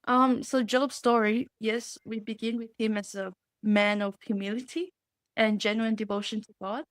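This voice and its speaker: A woman's voice: on the high side, steady tone, normal speed, dry recording, studio quality. A young woman from Samoa, a student guest on a podcast, speaking earnestly and reflectively about faith. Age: young adult. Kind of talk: podcast interview.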